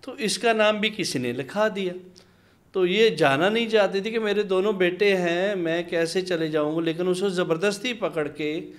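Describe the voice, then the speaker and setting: A man from Pakistan, an interview guest telling a long anecdote. He pauses to hesitate and acts out the voices of the people in his story. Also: high voice. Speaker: interview guest, minority community leader. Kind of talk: conversational storytelling.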